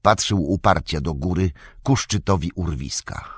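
A man narrating an audiobook in a measured, even storytelling manner. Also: deep voice, husky, no echo, clean studio sound.

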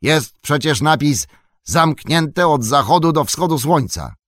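A man voicing a gruff, officious male hobbit guard in an audiobook, barking orders into the dark. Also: a little high, animated, slow, no room sound, pitched above the performer's own voice, heavily acted. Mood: hostile.

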